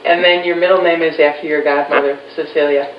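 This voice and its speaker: A woman in her fifties from Chicago, recalling her childhood in a relaxed family interview with pauses. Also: low-pitched. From Chicago, USA. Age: 50s. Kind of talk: casual recorded family interview. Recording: roomy, distant, dull, faint hiss.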